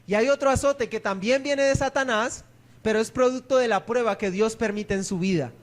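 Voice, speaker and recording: A man's voice: very high-pitched, moderate pace. A man, a pastor preaching a sermon in church, who keeps asking the congregation questions and answering them himself.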